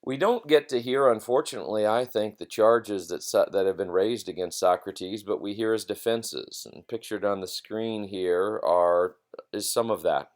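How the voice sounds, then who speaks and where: A man giving an informal philosophy lecture in a halting, reflective way, repeating phrases for emphasis. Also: fairly low pitch.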